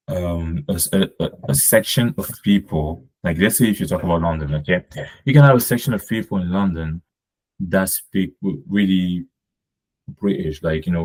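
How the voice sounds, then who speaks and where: A man's voice: deep voice, darkish tone. A man from Cameroon, a podcast guest, talking casually and rambling with many fillers and restarts. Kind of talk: casual conversation.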